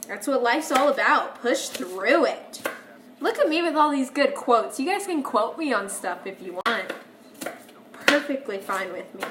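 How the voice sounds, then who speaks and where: A woman's voice: on the high side, expressive, unhurried, background noise. A young woman vlogging in her home kitchen, chatty and self-mocking, talking straight to her viewers as she cooks. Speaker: cooking vlogger. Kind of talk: casual cooking vlog.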